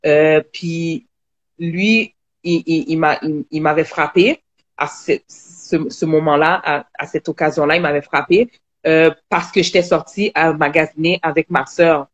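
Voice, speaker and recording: A woman with a Quebec French accent, a guest telling her own story in an online live interview, halting with many restarts. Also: deep voice, fairly even intonation.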